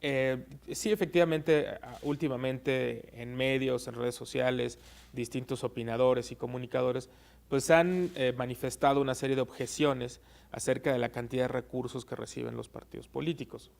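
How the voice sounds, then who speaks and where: A man being interviewed as an expert on election law, explaining at a measured pace with frequent "eh" pauses. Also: medium pitch, fairly even intonation, creaky, darkish tone.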